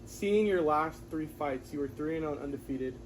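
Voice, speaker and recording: A man hosting a casual interview, easygoing and chatty, often nodding along with quiet "mm-hmm"s. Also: a little high, moderate pace, a little hiss or hum, low-quality recording. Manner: easygoing, frequent "mm-hmm" listening sounds. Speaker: interviewer, channel host.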